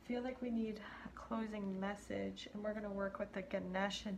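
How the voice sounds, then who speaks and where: A woman giving a gentle, intuitive tarot card reading to viewers, talking in a halting way with many fillers and restarts, sometimes dropping to a whisper. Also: medium pitch, steady tone, vocal fry, slight background noise.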